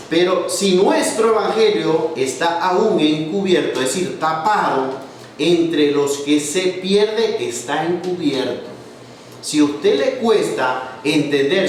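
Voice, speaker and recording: A man preaching a sermon, reading scripture aloud and explaining it, asking questions for the congregation to answer. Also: sits high. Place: church hall. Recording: echoey hall, from far off, faint noise.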